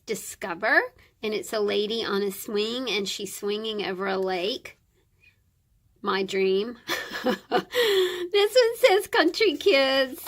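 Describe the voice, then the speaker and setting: A craft channel host, a woman whose voice is a little high and a bit bright, casually shows craft items to her viewers in a friendly chat. Her throat is scratchy and her nose congested, leaving her voice croaky and stuffed-up.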